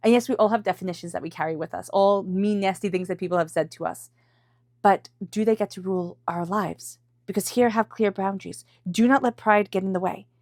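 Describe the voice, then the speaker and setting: A woman with a head cold gives viewers an intuitive tarot reading, her voice stuffy and congested, mid-range, brisk and slightly mellow. She repeats phrases for emphasis. The studio-quality recording has no room sound.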